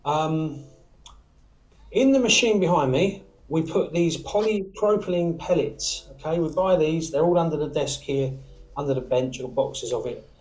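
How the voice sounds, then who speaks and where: A British man demonstrates how he builds antennas in a small indoor workshop, speaking informally and often checking in with "all right?" and "okay?" while explaining every step. He talks at a normal speed in a slightly high, slightly mellow voice, and the recording is rough.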